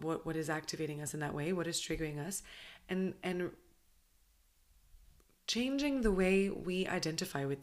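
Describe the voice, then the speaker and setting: A woman hosting a podcast, explaining in a casual, rambling way with many fillers and restarts. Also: on the low side. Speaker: podcast host.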